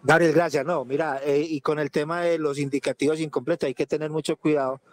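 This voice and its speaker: A man's voice: fairly high pitch, steady tone, fairly quick. A man explaining a point in a group discussion. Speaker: participant.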